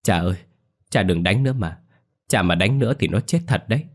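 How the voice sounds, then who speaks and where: A man voicing a lovesick young village woman who pleads and scolds through tears. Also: low-pitched. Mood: tearful anger. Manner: pleading, rising into quick upset outbursts.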